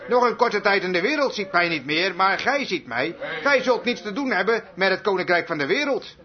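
A high-voiced male preacher delivers a fervent, animated revival sermon at a brisk clip, closing with an altar call. He fires off rhetorical questions and answers them himself, repeating key lines for emphasis. The audio is dull and lo-fi, much like an old sermon tape.

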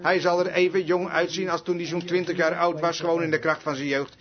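A male preacher delivers a sermon with a high, ringing voice. He tells his story emphatically, moving between loud declarations and hushed passages. The recording is dull and lo-fi. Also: level tone, a little fast, a crowd in the background.

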